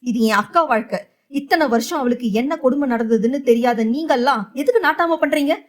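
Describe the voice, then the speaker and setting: A woman voicing a fierce, outspoken young woman in an audio novel, giving sharp, defiant retorts. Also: high voice, fairly quick, lightly acted.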